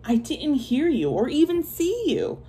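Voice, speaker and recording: A woman voicing a jittery, excitable male iguana in a read-aloud animal folktale. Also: sits high, a little slow, a little hiss or hum, pitched above the performer's own voice. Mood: protesting.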